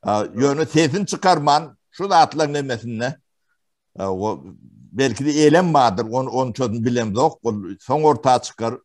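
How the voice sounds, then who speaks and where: A man from Turkmenistan giving testimony in an interview, talking haltingly with many pauses and fillers. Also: mid-range voice, expressive, darkish tone. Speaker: witness interviewee.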